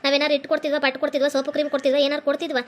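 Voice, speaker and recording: A woman voicing a village woman who gossips in a low, confiding way. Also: monotone, very fast, natural voice. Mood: gossiping.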